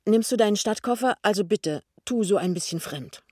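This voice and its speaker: A man's voice: high voice, lively intonation, moderate pace, a little mellow, dry recording, clean studio sound, pitched above the performer's own voice. A man voicing an anxious, hasty and embarrassed young husband in an audiobook.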